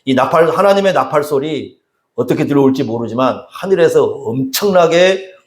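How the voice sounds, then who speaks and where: A pastor preaching to his congregation, his fairly high voice rising and falling a great deal as he fires questions and answers them himself. The sound is roomy, with the echo of a church hall around him. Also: expressive, moderate pace. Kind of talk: expository sermon. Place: church sanctuary.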